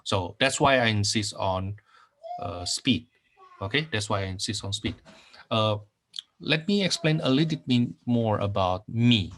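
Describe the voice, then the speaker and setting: Here a middle-aged man from Indonesia gives a math class via screen recording, his voice on the low side, animated, unhurried and fairly bright. It is a recorded online lecture, and he keeps saying okay, repeating phrases and using lots of fillers.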